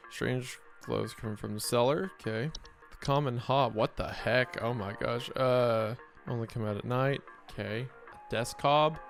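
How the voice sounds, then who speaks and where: A man doing casual let's-play commentary, muttering reactions and reading game text aloud. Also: medium pitch. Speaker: gaming video host.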